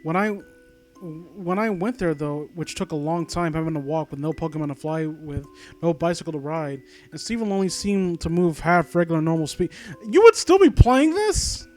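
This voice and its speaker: With a fairly high, expressive voice of darkish tone, a man reads through an online horror story at moderate speed. Sarcastic, fed-up, foul-mouthed commentary interrupts the reading, and video game music with a glockenspiel sound plays in the background.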